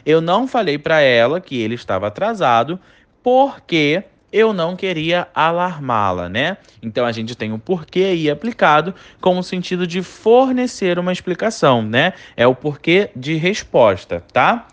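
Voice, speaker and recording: A man guides students through an English lesson, explaining each point patiently and checking that they follow. His voice sits slightly high for a man and rises and falls with lively movement. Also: normal speed. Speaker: English teacher. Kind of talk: online language lesson.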